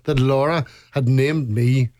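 A Northern Irish man speaks as an interview guest in a mid-pitched voice. He tells his story conversationally and leans on repeated phrases for emphasis. The recording is dry and free of room sound. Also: fairly even intonation, unhurried, darkish tone, dry recording. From Northern Ireland, County Antrim. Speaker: interview guest, reality show contestant.

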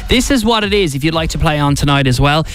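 An Irish man hosting an evening radio show, quick and upbeat, running a call-in competition. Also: on the high side, animated. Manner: upbeat, quick presenter patter. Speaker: radio host. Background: music under the talk.

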